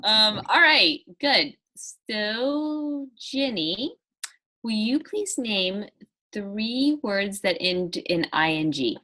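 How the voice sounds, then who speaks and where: A woman's voice: medium pitch, sing-song, very slow, pushed and bright, poor audio. A woman acting as quizmaster in a casual game, chatting and reading out challenges. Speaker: host, quizmaster.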